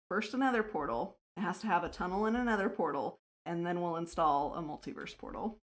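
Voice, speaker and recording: A woman hosting her own livestream, chatting casually while she plays, laughing often and answering her chat. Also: on the low side. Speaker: livestreamer and server host.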